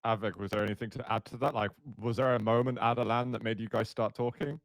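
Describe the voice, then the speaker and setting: A man's voice: medium pitch, little pitch movement, fast talker, creaky, no room sound. A man in his thirties hosting a podcast interview, friendly and steering the talk with questions. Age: 30s. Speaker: podcast host.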